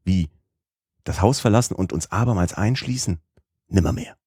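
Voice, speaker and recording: An excitable, absent-minded old professor, as a male reader puts him on barks short, gruff lines in a very deep voice. The storybook figure is lost in his work and abrupt with everyone around him. The recording is dry and close. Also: normal speed, no echo.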